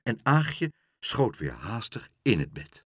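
A man reading a children's story aloud, expressive and doing all the voices. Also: medium pitch, slow pace, husky, no echo, studio quality.

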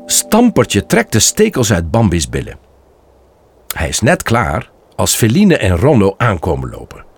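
A man narrating a children's storybook aloud in an expressive read-aloud manner. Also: lowish voice, unhurried, slight background noise.

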